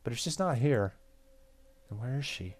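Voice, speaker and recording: A man's voice: medium pitch, animated, moderate pace. A man hosting a gaming video, reading the story aloud and dropping in casual reactions.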